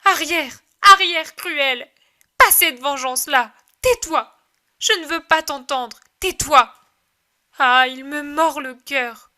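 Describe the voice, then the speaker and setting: A heartbroken mother on the edge of despair, swinging between tender murmurs and anguished cries, as a woman reader puts her on. The voice sits fairly high and sounds bright, close and intimate like a storybook reading. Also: fairly even intonation, unhurried. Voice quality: emotional pleading delivery. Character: grieving mother, desperate, clinging to faith.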